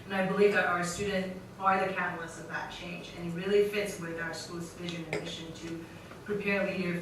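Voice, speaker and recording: A woman speaking for the school gives a measured, upbeat welcome address. Her voice booms through a very reverberant hall, picked up from far away. Steady room noise runs underneath. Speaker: school representative. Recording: very echoey hall, distant mic, noisy.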